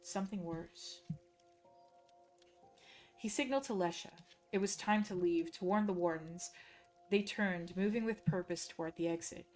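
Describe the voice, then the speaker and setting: A native Dutch-speaking woman from the Netherlands, with a fairly low voice, reads game lore aloud. She tells it as a hushed, measured, suspenseful story.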